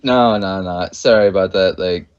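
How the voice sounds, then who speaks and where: A man's voice: low voice, normal speed, clean tone, muffled recording. A young man from the United States co-hosting a gaming podcast, rambling nervously with many fillers and restarts. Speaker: podcast co-host. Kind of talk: casual chat.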